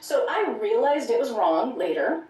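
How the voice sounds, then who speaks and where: A woman telling a personal story of abuse in an earnest, measured way, as a guest in a conversation. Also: a little high, big pitch swings, dark tone, distant mic. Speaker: podcast guest. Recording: echoey room, off-mic.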